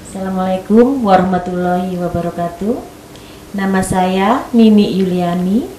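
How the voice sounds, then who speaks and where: A woman's voice: medium pitch, steady tone, normal speed, warm tone, echoey room, slight background noise. A woman in her forties from Malang, a guest introducing herself politely. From Malang, Indonesia. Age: 40s. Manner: polite, formal greetings.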